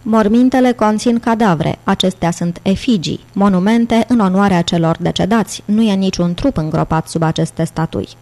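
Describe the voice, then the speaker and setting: A prickly young altar boy answers curtly, full of suspicion, as a woman narrator puts him on. The voice is slightly raised from her usual low, mellow tone. It sounds like an audiobook reading. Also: hardly any pauses, natural voice. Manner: curt, suspicious.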